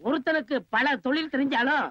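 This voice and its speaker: A man's voice: very high-pitched, steady tone, a little fast, dry recording. A man playing a meek sidekick in a film comedy scene, giving short agreeing replies. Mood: agreeable. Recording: lo-fi old film soundtrack.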